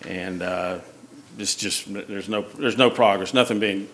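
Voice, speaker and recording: A man's voice: lowish voice, unhurried, fairly bright tone, a little hiss or hum. A city official, a man, reporting on properties to a council in a plain, hesitant way with many fillers. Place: council chamber.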